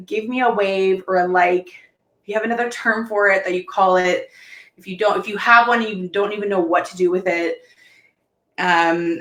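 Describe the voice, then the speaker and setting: Casting: young woman, heavily pregnant and short of breath, mid-pitched voice, informal health educator on a live stream, echoey room. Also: a bit bright. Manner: explanatory, informal, checking in with "okay?". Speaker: pelvic health therapist teaching. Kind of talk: casual live-stream lesson. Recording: roomy, echoing sound.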